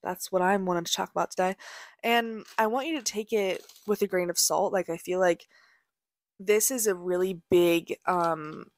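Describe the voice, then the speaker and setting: A woman's voice: fairly low pitch, fairly even intonation, normal speed, no echo, clean studio sound. Blunt, casual young woman podcaster. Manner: candid and blunt, swears freely, many fillers. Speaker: podcast host. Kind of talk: casual spiritual advice talk.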